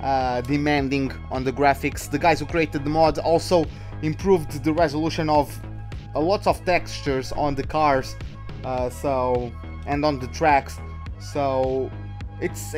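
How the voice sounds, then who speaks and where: Slightly high and a little mellow, a man's voice carries relaxed, talkative commentary over a live racing-game stream, with viewers greeted by name as he goes.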